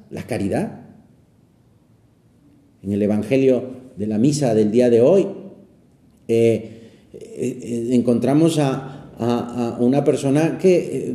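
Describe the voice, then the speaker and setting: A man, a priest, leading a guided prayer meditation in an unhurried, reflective way, often pausing and restarting his phrases. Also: medium pitch, dark tone. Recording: roomy echo.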